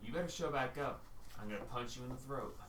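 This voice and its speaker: A man's voice: mid-range voice, fast, close to an everyday voice. Man as a proud, menacing lioness envoy. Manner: blunt, menacing, commanding. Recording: roomy, distant mic, faint noise.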